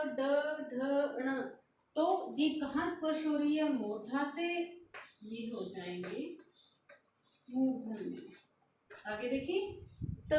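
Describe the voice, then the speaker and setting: Female teacher, high voice, slow and deliberate, repeats key terms, recorded from a distance in a roomy, echoing space. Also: darkish tone. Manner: slow, repeats terms and asks questions then answers them. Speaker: Hindi grammar teacher. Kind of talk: classroom-style lesson at a board. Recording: echoey room, voice from a distance, faint noise.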